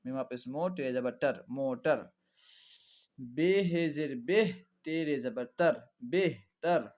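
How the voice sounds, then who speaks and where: A man teaching an Urdu reading lesson, spelling out each syllable patiently and repeating words slowly for learners. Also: mid-range voice, darkish tone.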